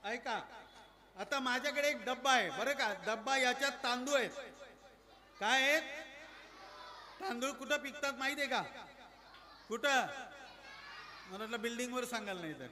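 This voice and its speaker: A man performing a magic show for children, coaxing and quizzing his young audience in a playful, lively way. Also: very high voice, normal speed, long pauses. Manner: playful, coaxing, asks the crowd questions. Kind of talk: lively stage patter with audience.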